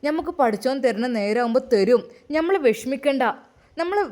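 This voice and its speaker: A woman voicing a gentle, loving young husband in an amateur story drama. She speaks in a Malappuram Malayalam accent, soft and soothing. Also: sits high, expressive, a little fast.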